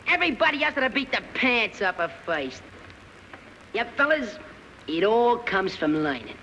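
High-pitched cocky New York boy. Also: sing-song, normal speed, vocal fry, sharp tone, muffled recording, full character voice. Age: teenager. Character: cocky teenage street gang leader. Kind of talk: 1930s film acting. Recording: old film soundtrack, faint noise.

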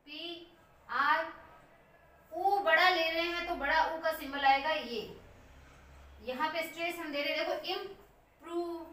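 High bright teacher in an echoey room. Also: female voice. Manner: slow, repeats words aloud syllable by syllable while writing. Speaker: English teacher. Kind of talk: Hindi-language lesson on English phonetics. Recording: echoey room heard from a distance.

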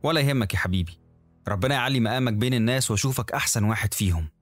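A man voicing a gentle, caring young wife with an Egyptian Arabic accent, lifting his voice higher and speaking softly. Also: very fast, no room sound, faint music behind, natural voice. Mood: tender. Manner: soft, affectionate, raised pitch.

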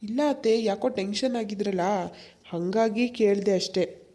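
Lady doing a soft-spoken young nephew, concerned and polite, voice dropped way down. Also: medium pitch, moderate pace, voice pushed down, natural voice. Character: polite young male college student nephew.

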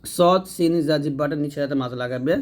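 Man drilling letter sounds, slightly high. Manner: repeats each letter sound slowly and clearly, then explains it quickly. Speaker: Quran reading teacher. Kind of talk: slow drilled pronunciation lesson.

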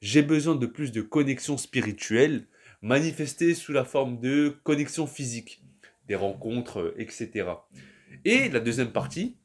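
A man's voice: medium pitch, animated, moderate pace. A young man, talking casually and at length to his viewers in a loose, slangy monologue that often trails off. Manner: slangy, rambling, addresses the listener as "tu". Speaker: vlogger.

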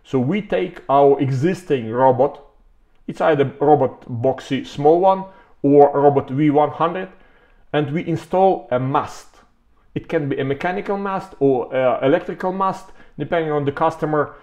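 A man's voice: fairly high pitch, moderate pace, darkish tone. Man explaining a product, slightly muffled audio. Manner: conversational, stops to rephrase with many "uh"s, repeats for emphasis. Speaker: company representative presenting products.

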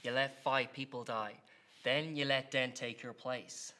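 A man in his twenties playing an unhinged, taunting criminal clown in a theatrical, drawn-out film monologue. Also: medium pitch, steady tone, pushed and bright, a little hiss or hum. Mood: taunting, cold. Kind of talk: film drama monologue acting.

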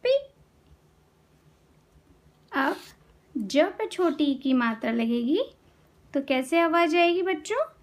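A woman's voice: high-pitched, lively intonation. A young woman teaching children to read, drilling syllables and words with questions she answers herself. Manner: slow, sing-song drilling with repeated questions and answers.

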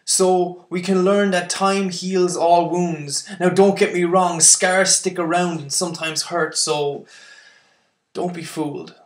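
A man's voice: high-pitched, steady tone, takes it slowly, roomy sound. A young man performing spoken word poetry, intense and building to impassioned outbursts.

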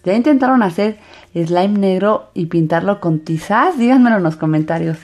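A woman's voice: mid-range voice, expressive, moderate pace, darkish tone. A woman narrating a hands-on craft video for children in an enthusiastic, sing-song way. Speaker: host of a slime craft channel. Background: background music.

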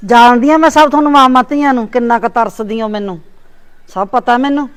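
A scornful, sharp-tongued aunt, played by a woman scolds her family in a high voice. She taunts everyone in her village drama with a Punjabi accent. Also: fairly quick, natural voice. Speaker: visiting aunt.

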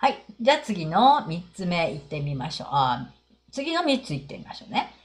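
A woman's voice: fairly low pitch, very animated, brisk. An older Japanese woman teaching travel English phrases in Japanese, explaining patiently with many fillers and reading the English lines with a Japanese accent.

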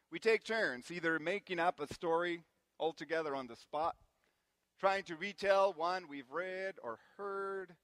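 A man from Guatemala giving a sermon in a church, telling family anecdotes with gentle self-deprecating humor. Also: a little high, dry recording. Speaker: preacher. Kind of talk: sermon with personal storytelling.

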